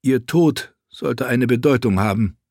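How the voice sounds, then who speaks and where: Man doing earnest young prince, stubborn and pushy, higher voice, dry audiobook. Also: a little slow, a little mellow, slightly rough, dry recording. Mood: earnest, insistent. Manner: earnest, insistent. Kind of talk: audiobook character voice.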